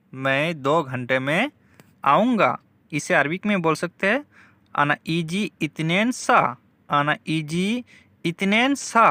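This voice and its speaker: A man teaching spoken phrases in a lesson, repeating each one and sounding out the foreign words slowly. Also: a little high, bright, forceful tone, dry recording. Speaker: Arabic language teacher.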